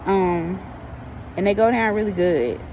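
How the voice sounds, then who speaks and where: A woman's voice: mid-range voice, a little slow, a little mellow, slight background noise. An American woman chatting casually to her viewers in an informal, folksy, rambling way, often drawing out hesitant phrases. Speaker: vlogger.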